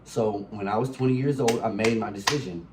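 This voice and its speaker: Background noise accompanies a lowish male voice moving a little fast. A sniffling young man, sick with a cold, hosts a solo podcast, fiercely preaching and cursing into his phone mic in a room glowing with colored lights.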